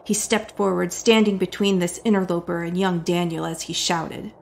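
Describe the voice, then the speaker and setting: A woman narrating a dramatic horror story from a script, often dropping into hushed whispers. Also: on the low side, steady tone, moderate pace, vocal fry, slight background noise.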